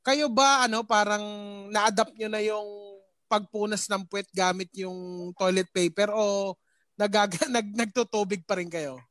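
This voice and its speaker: A man's voice: sits high, unhurried, a bit bright, no room sound, studio quality. A man hosting a podcast, joking around and swearing freely in casual chat. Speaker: podcast host.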